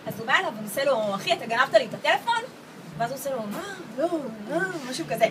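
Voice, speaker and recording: Lively high-voiced woman telling a story. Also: background noise. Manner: lively, acts out quoted voices with laughter. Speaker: storyteller at a gathering. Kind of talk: casual animated storytelling. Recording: distant mic with loud crowd chatter. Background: crowd of people talking.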